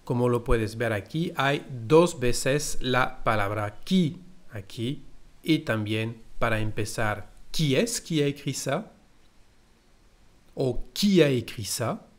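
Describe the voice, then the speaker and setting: A man with a French accent gives a language lesson at an unhurried pace. His pitch is mid-range for a man, and he explains each point carefully, mixing in short French example phrases. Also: animated. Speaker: French teacher.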